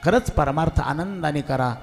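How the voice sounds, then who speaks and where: A man's voice: on the high side, normal speed, soft background music. A man giving a devotional sermon as a preacher, earnestly exhorting his listeners while telling a sacred story. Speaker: kirtan preacher.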